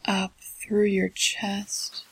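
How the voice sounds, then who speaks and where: A meditation guide speaking in a soft, soothing spa-like whisper, leading a guided relaxation. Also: medium pitch, completely flat delivery, drawn-out words, creaky, breathy edge, poor audio.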